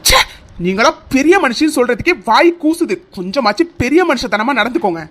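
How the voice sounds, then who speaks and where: A woman's voice: high-pitched, animated, brisk, fairly bright tone, voice pushed down. A woman voicing an angry young man in a cartoon serial, firmly rebuking his elders. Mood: indignant. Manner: firm, rebuking.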